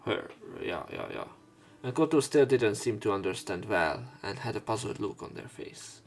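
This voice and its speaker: Very animated despite a fairly low-pitched voice, a man narrates a visual novel in a let's play at normal speed. He voices both narration and dialogue, tossing in informal comments that sometimes turn sweary.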